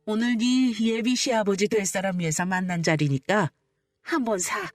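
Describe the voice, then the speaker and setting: A woman voicing a domineering middle-aged mother-in-law who sneers and scolds slowly, in a radio story reading. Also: mid-range voice, no echo, clean studio sound, soft background music, natural voice. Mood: scornful.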